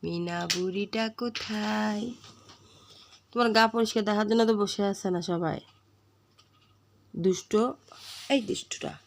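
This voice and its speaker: A woman's voice: mid-range voice, fairly even intonation, measured pace, creaky, long pauses, slight background noise. A woman in a casual home vlog, coaxing and doting on her pet in baby-talk while making asides to her viewers. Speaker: vlogger talking to her pet.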